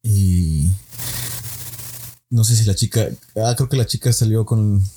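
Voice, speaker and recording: A man's voice: on the low side, slow, mellow, a little hiss or hum. A young man with a Mexican accent, hosting a casual solo podcast, joking around, mimicking people and laughing often. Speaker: podcast host.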